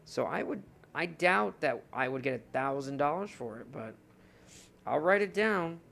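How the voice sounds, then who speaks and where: A man's voice: fairly high pitch, animated, normal speed, creaky, a bit bright. A young man streaming live, chatting casually and rambling to his viewers while he looks through his cards. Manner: rambling, chatty, talks to chat while browsing.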